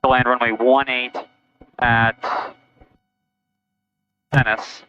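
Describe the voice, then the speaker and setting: A man talking as a pilot, casually narrating a flight in a halting, matter-of-fact way. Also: medium pitch, level tone, sharp tone, smooth. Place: small airplane cockpit in flight. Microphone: aviation headset. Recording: dull, noisy aircraft cockpit intercom. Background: engine noise, radio.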